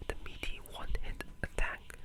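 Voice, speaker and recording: A video creator whispers breathily and unvoiced, offering casual, rambling, enthusiastic ASMR commentary on gaming at a normal speed.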